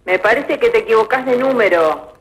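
A woman's voice: a little high, expressive, a little fast, slightly rough, soft background music, low-quality recording. A woman answering a prank call, suspicious and firm. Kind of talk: phone conversation.

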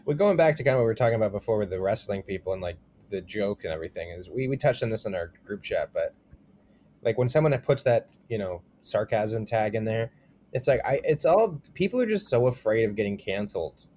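A young adult man, a comedian co-hosting a podcast, telling stories in an animated way and swearing freely. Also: on the low side, a little fast, a little hiss or hum. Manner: animated storytelling, swears often. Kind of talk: casual chat.

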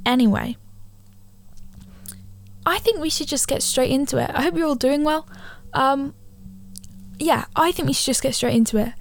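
A teenage girl hosts a solo podcast from her living room, talking casually into a handheld studio mic while rambling and correcting herself. Her voice sits high and is a bit gravelly from a cold, and she moves at a moderate pace with frequent pauses.

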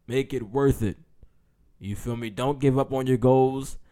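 A man's voice: medium pitch, a little mellow. A man hosting a podcast in informal, slangy speech, talking like a motivational speaker and repeating phrases for emphasis. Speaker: podcast host. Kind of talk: motivational pep talk and sports commentary to listeners.

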